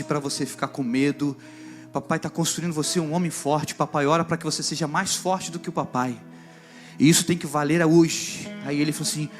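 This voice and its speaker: A man with a Brazilian Portuguese accent preaching a sermon, acting out the lines of a personal story and speaking directly to the congregation. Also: a little high. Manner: acts out dialogue from a story, addressing the congregation directly. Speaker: pastor.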